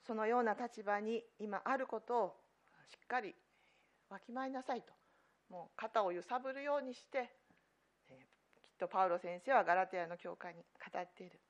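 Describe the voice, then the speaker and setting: A woman pastor preaching a sermon earnestly, stressing key phrases loudly and letting her phrase endings fall soft and quiet. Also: medium pitch, normal speed. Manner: earnest, emphatic preaching with sudden loud stresses.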